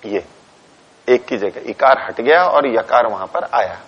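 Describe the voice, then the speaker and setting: Speaking at an unhurried pace in an expressive mid-range voice with a breathy edge, a man teaches a philosophy text. He recites Sanskrit lines, explains them one by one in Hindi, dictates punctuation, and answers the questions he poses to the class. The recording is a dull, lo-fi lecture capture.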